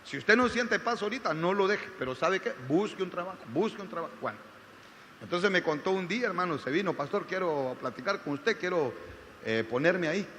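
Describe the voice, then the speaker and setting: A man with a high, bright voice preaches in a church, shifting from storytelling to rising, shouted exhortation. The long reverb of the hall and a faint hiss sit behind him. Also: animated, fairly quick. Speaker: pastor. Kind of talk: sermon.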